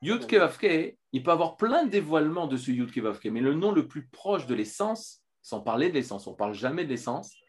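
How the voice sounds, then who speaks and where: A man teaching a filmed Torah lesson, lively, with many restarts and fillers. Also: on the high side, a little fast, few pauses.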